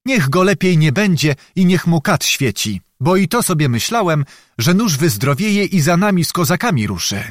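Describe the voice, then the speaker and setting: A man's voice: on the high side, very animated, moderate pace, no room sound, clean studio sound, pitched above the performer's own voice. A man doing a sly, phlegmatic young servant. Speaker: storyteller within the tale.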